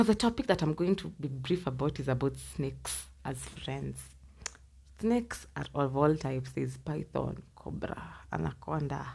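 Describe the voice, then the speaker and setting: A woman hosting a solo self-improvement podcast from her home, talking casually and repeating her points for emphasis, often dropping into a soft half-whisper. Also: deep voice, gravelly, husky. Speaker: podcast host.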